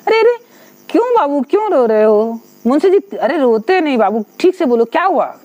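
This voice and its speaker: A man's voice: very high-pitched, sing-song, normal speed, darkish tone, voice pushed up. A male teacher voicing an upset father in a class retelling. He speaks in raised, emphatic exclamations. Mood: tender. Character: upset loving middle-aged father.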